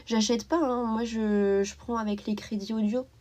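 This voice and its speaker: Young female streamer, congested from a cold, chatty and friendly with her chat, relaxed at-home vibe. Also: fairly high pitch, moderate pace. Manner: chatty, greets and thanks viewers by name. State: stuffy nose, sniffling from a cold. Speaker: live streamer. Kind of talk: casual live-stream chat with viewers. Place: at home while colouring.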